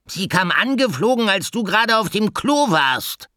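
A man doing a squeaky, cheeky magpie girl. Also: normal speed, no echo, studio quality, full character voice. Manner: giggly, squeaky and excitable. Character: cheeky chattering female magpie, playful show-off. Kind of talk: audiobook character voice.

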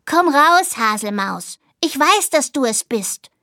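A woman voicing a small, bored male dormouse in a children's storybook, drawling his words slowly. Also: high-pitched, fairly bright tone, dry recording, studio quality. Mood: calling out. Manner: slow, drawn-out bored speech.

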